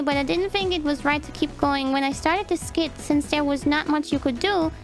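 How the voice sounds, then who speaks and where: Brief: woman streamer, casual chat, high and excitable, loose and profane. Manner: excitable, shrieking and swearing freely. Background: background music.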